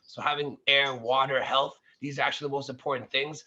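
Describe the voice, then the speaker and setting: A man's voice: medium pitch, flat delivery, brisk, pushed and bright, husky, dull audio. A man speaking as a guest at an online networking event, earnest and motivational, heard over a video call whose connection keeps freezing.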